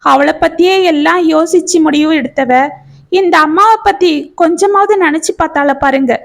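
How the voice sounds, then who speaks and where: A woman's voice: high-pitched, moderate pace, natural voice. A woman voicing a distressed middle-aged single mother, tearful and pleading. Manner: tearful, pleading, rising and raw.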